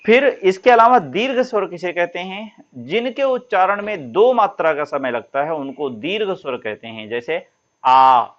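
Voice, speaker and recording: A man's voice: high voice, animated, normal speed, hardly any pauses, highs cut off. A man teaching Sanskrit grammar in a classroom style, patiently explaining and drawing out example sounds for students. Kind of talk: classroom lesson.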